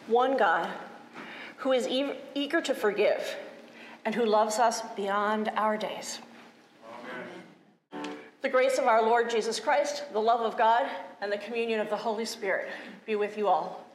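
A woman pastor reading liturgy and scripture in a steady, formal voice, heard in an echoing church sanctuary. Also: a little high, a little slow, long pauses. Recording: echoey church sanctuary, faint room noise.

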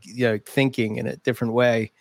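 A man's voice: mid-range voice, flat delivery, a little fast, vocal fry, dry recording, clean studio sound. A man hosting a podcast in casual chat, rambling with lots of fillers and laughs. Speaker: podcast host.

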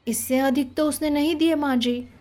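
A nervous young servant boy, voiced by a woman reading a novel aloud, speaks in a hushed, anxious way. His voice sits noticeably high, and he sounds eager to please. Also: normal speed, close to an everyday voice. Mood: timid.

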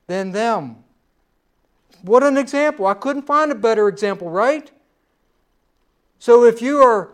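High-voiced middle-aged man preaching. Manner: folksy storytelling with personal asides. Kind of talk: sermon.

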